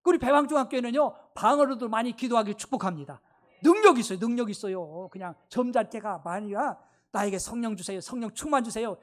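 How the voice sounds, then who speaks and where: A woman pastor giving an emphatic, exclamatory Sunday sermon with many fillers, then praying in soft, low tones. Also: fast. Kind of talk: fervent Sunday sermon and prayer.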